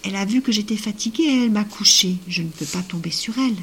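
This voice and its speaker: A woman's voice: mid-range voice, quick pace, a little hiss or hum, close to an everyday voice. A woman voicing a tired, grateful talking beam in a folk tale. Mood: firm.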